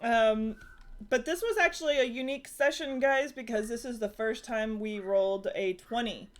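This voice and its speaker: A woman's voice: a little high, moderate pace. A woman hosting and playing in a tabletop game, chatty and rambling, laughing often. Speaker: host and player. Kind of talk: casual chat in a tabletop game stream.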